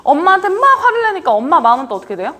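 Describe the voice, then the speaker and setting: Woman lecturer, leadership training talk, high voice, swooping expressive intonation, keeps asking the audience questions. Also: very fast. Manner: lively, quizzes the audience often; casual, talks down-to-earth with students.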